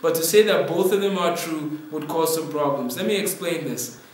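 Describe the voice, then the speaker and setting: A man's voice: on the high side, normal speed. A young man from Nigeria gives an earnest talking-to-camera lesson, explaining with his hands. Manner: earnest, explains with hand gestures. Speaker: apologetics teacher. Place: indoor room with wood-panel wall. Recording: very echoey room.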